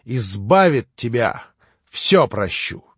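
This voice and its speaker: A man voicing a bitter, venomous young woman in an audiobook, speaking low and slow, husky, in a dull lo-fi recording. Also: big pitch swings, no echo, exaggerated voice. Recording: dull lo-fi audiobook with faint music.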